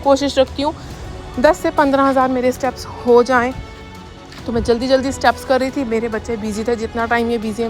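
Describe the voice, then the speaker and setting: A young woman narrates her family's day in a rapid, chatty voice-over, talking straight to her viewers. Her voice sits a little high. Soft music plays quietly under her words. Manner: fast, chatty, addresses viewers directly. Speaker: family vlogger. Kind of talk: casual voice-over narration of daily life. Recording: voice-over with faint background music.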